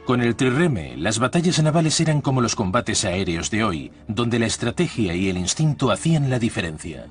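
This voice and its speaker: A man giving a scripted documentary voice-over with a measured, formal delivery, recorded on a studio mic. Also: on the low side, sing-song, soft background music. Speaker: documentary narrator.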